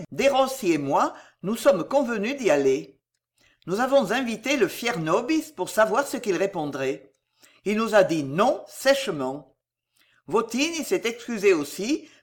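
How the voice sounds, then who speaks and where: A woman narrating a classic novel aloud as an audiobook reader, in a slow, expressive manner. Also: mid-range voice. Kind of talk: scripted narration of a children's classic.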